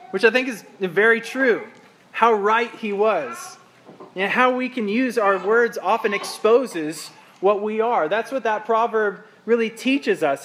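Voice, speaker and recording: A man's voice: high voice, fairly bright tone, slight background noise. A middle-aged male pastor preaching a sermon in an earnest, reflective, conversational way, reading scripture aloud.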